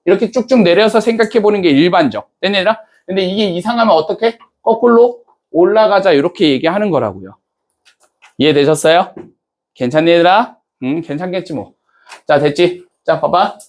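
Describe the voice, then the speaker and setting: A man with a fairly high voice lectures a class in a relaxed, chatty way. He keeps firing questions at the students and checking that they follow. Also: brisk. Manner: casual banter-style speech to students. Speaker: English teacher.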